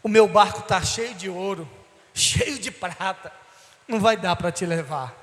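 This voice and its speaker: A man's voice: sits high, unhurried, fairly bright tone. A man voicing personified Wealth as a cold, greedy figure refusing help. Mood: dismissive. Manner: cold, dismissive. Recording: long church hall reverb.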